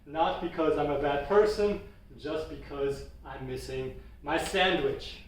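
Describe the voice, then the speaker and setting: Swiss man, slow and echoey. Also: a little high, slight background noise. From Switzerland. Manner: humorous, animated storytelling. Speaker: table topics speaker. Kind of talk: impromptu speech at a club meeting. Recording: echoey room, distant mic.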